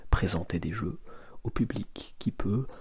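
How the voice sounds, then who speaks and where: Man, ASMR chat, whispering right in your ear, very breathy, gravelly fry, hesitant with repeated words. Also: deep voice, a little slow, a little mellow, dry recording. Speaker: ASMR video creator and streamer.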